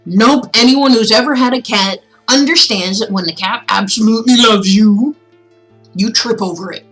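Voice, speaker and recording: Hosting a reading stream, a woman with a slightly high voice reads classic tales aloud, alternating between expressive, measured narration and light, playful chat. Music plays faintly behind her.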